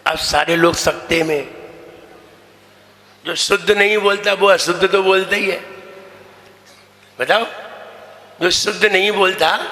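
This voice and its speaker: A man, a Jain monk, gives a sermon, chanting verses slowly and repeating phrases to drill correct pronunciation. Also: sits high, sharp tone. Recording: reverberant hall.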